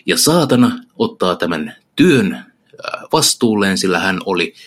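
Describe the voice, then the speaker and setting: Deep-voiced man retelling an epic poem. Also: fairly bright tone. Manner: enthusiastic, slangy, frequent filler sounds. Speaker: literature explainer.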